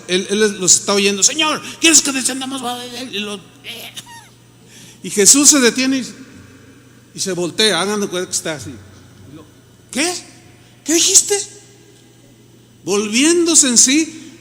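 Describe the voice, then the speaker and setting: A man's voice: high-pitched, fairly bright tone, in a large hall. A Mexican man, a pastor, preaching a sermon in a conversational way and acting out the people he quotes.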